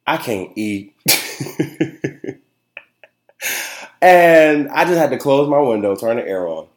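Slow-paced but lively in intonation, a young man with a medium-pitched voice hosts a casual podcast alone. His congested, nasal speech rambles along with plenty of fillers and repeated "you know what I'm saying" questions, recorded in an echoey room.

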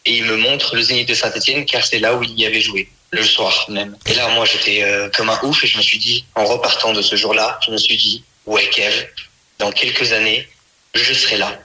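A man in his twenties, a comedian guest in a casual radio interview, chatty and relaxed with many fillers. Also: on the low side, normal speed, low-quality recording. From France. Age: 20s.

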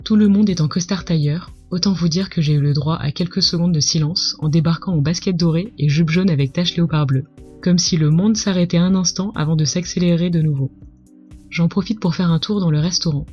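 A woman's voice: fairly low pitch, brisk, darkish tone, lo-fi sound. A woman with a French accent narrating a scripted story as the host of a culinary podcast. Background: music.

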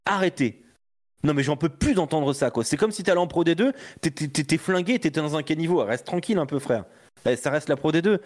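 A man's voice: on the high side, lively intonation, brisk. A man hosting a casual sports chat, ranting heatedly and swearing. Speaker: podcast host.

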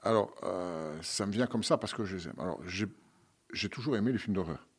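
A man's voice: deep voice, a little fast, husky. A man answering questions as a guest on a radio show, hesitant, with many fillers and repeated words. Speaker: guest, charity volunteer.

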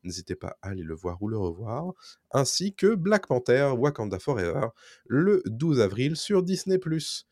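A man's voice: medium pitch, very animated, moderate pace, darkish tone, no echo, clean studio sound. A man co-hosting a casual podcast, reading out new releases and adding enthusiastic asides. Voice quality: enthusiastic, nostalgic. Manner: reads listings then riffs. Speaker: podcast co-host presenting release picks.

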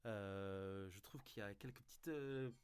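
A man's voice: fairly low pitch, a little slow, a little mellow, clean tone. Man with a southwest French accent. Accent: Lot-et-Garonne (southwest France). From Lot-et-Garonne, France. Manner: hesitant, many fillers and restarts. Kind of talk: casual chat.

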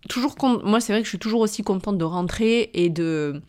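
A woman's voice: medium pitch, a little fast, darkish tone, slight background noise. A young woman from southern France talking about her travels in a personal diary-style podcast, teary and emotional, hesitant, with many fillers and restarts. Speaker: podcast host.

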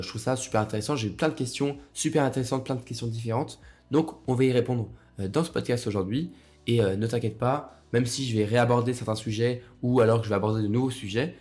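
A young man with a cold-roughened voice hosting a casual solo podcast, rambling with many fillers and restarts. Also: mid-range voice, a little mellow. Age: young adult. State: hoarse from a cold. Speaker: podcast host.

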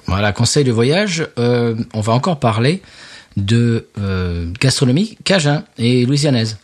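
A middle-aged man in casual podcast conversation, with a voice of ordinary pitch. He explains things at length and pauses often to find his words, keeping a friendly, talkative tone. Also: expressive, faint music behind. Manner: chatty, explains at length with hesitations. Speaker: podcast co-host. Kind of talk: casual chat.

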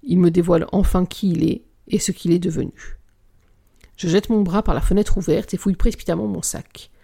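A reader narrating a novel aloud at a measured pace, sometimes sinking into a whisper. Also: mid-range voice, steady tone, creaky, warm tone, husky. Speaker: audiobook reader.

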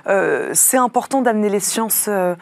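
Woman, French accent, interview host, conversational broadcast delivery, medium pitch, dry studio sound. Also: moderate pace, vocal fry, no echo. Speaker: host of a tech interview show.

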